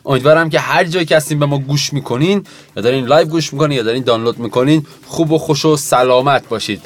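A young man from Iran hosting a casual late-night radio podcast, chatty and relaxed with apologetic asides. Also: fairly high pitch. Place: home studio in Tehran at night.

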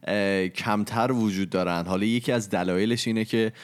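A man's voice: on the low side, fairly even intonation. A man hosting a casual podcast chat, prompting his guest and musing with many fillers. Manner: prompting, joking, halting with fillers.

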